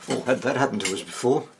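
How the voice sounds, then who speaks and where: At an indoor workbench, a hobbyist radio restorer talks through his own repair, rambling and thinking aloud in unscripted commentary. His voice is medium in pitch with vocal fry, and there's a noisy background.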